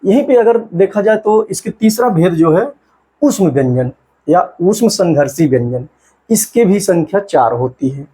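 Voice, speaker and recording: Husky guy teaching exam prep, kinda high voice, keeps asking then answering himself. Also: expressive, mellow. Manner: asks questions and answers them himself; sounds out syllables slowly.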